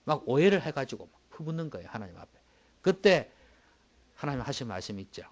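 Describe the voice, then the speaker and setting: Swinging widely in pitch and speaking briskly, a male pastor delivers a sermon that shifts between hushed low asides and loud, forceful outbursts. He poses rhetorical questions to his congregation.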